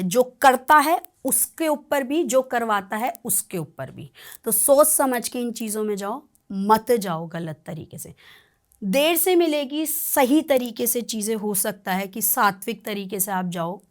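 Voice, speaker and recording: A woman, a tarot reader and spiritual practitioner, telling a client's story on a podcast in an earnest, animated way, often checking that the listener follows. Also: mid-range voice.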